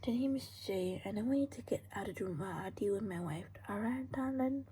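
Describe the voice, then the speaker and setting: A woman voicing a smooth-talking young man in a low, intimate whisper while reading her story. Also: fairly quick, warm tone, slight background noise, close to an everyday voice.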